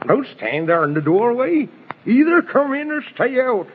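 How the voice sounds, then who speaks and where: A man's voice: very high voice, very animated, normal speed, a little hiss or hum. An actor playing a fussy, scatterbrained, whimsical old Man in the Moon in a children's radio fantasy, stammering and repeating himself as he scolds. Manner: stammering, repetitive, muddled, comically scolding. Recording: muffled, tinny vintage radio recording.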